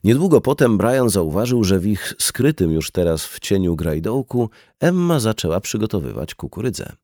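An audiobook narrator, a man with a fairly low voice, reads a novel aloud in an even, measured storytelling style. The scripted narration is recorded dry, with clean studio sound.

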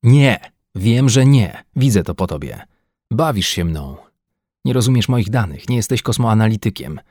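A man's voice: on the low side, moderate pace, a little mellow, no echo, studio quality. A man voicing an agitated, frightened Earthman scientist in a science-fiction audiobook, pleading and near-hysterical. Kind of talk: audiobook character voice.

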